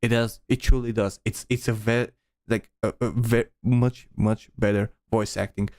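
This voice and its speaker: A man's voice: lowish voice, level tone, normal speed, darkish tone. A man streaming, giving rambling casual commentary with many restarts and repeated words.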